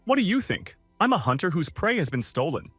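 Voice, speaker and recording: A man voicing a rude bald male hunter who shouts his demands. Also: mid-range voice, big pitch swings, brisk, no room sound, soft background music, voice pushed up. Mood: angry shouting.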